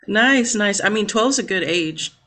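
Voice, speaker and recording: A woman's voice: mid-range voice, expressive, unhurried, pushed and bright. A young woman who is a student, conducting a casual interview over a video call, friendly and full of fillers like um and you know.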